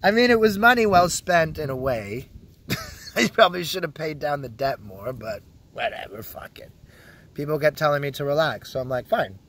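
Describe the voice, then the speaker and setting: A man's voice: a little high, expressive, normal speed, a bit bright. Sarcastic, foul-mouthed Canadian man ranting. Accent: Canadian English. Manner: profane, sarcastic storytelling. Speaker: vlogger. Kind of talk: casual rant to camera.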